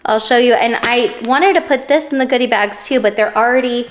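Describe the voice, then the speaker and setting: A woman's voice: fairly high pitch, a little fast, slight background noise. A woman vlogging in a casual, chatty way, laughing often and filling her talk with "like". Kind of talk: casual vlog chat.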